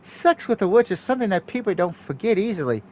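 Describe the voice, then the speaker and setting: A sly young-spirited witch in captivity, read by a man, teasing and taunting in a high, lively voice. The lines come from a visual novel and swing playfully up and down. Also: moderate pace, a little hiss or hum. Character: teasing, cunning female witch held prisoner.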